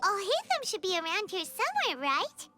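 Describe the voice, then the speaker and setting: A tiny, bubbly companion creature from a fantasy video game. Her voice is extremely high and bright and bounces wildly in pitch. She chirps along eagerly. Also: huge pitch swings, normal speed, soft background music, heavily acted. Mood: chirpy.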